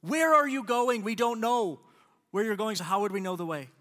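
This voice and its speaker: A preacher acting out an exasperated male disciple who pleads for a clear answer, in a raised, emphatic voice. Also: sits high, normal speed, fairly bright tone, long reverb tail.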